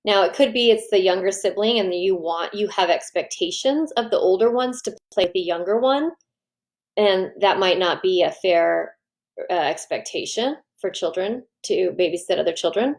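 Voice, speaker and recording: A woman coaching parents in a live online training, chatty and lively, often acting out what parents and kids say. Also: medium pitch, moderate pace. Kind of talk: live online training, answering viewer questions.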